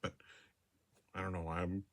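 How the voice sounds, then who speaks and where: A man's voice: low voice, level tone, moderate pace. A man talking casually to his device camera in a room, rambling and hesitant with many fillers and restarts, often laughing at himself. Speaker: vlogger. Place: a room indoors. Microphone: device camera mic.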